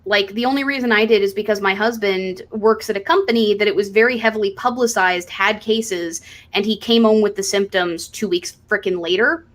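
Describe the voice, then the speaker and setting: A woman's voice: medium pitch, a little fast, fairly bright tone. A woman hosting a casual podcast chat, candid and chatty, with lots of fillers. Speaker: podcast host.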